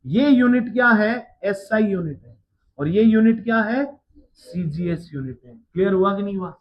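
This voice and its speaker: A man teaching a physics lecture, working slowly through the steps and often checking that his students follow. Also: high voice, animated, dull audio. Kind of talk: classroom lecture.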